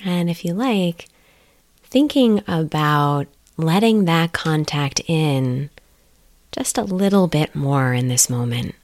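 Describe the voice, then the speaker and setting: A woman hosting a podcast, asking slow, gentle guiding questions. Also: low voice, animated, no echo. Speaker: podcast host. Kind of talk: guided meditation and interview.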